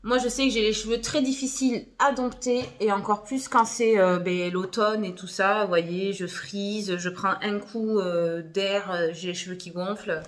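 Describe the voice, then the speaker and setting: A young vlogger chats casually at home through a shopping haul video, full of fillers and little giggly asides. Her mid-range voice stays steady at a moderate pace with hardly any pauses.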